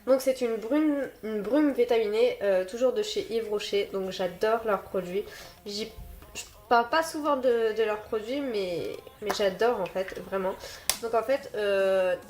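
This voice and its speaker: Sick with a blocked nose, a beauty and haul vlogger chats casually with viewers in a very nasal, stuffed-up voice while recommending beauty products, sounding apologetic and self-deprecating. Her voice is medium-pitched, unhurried, and a little mellow, with soft music in the background.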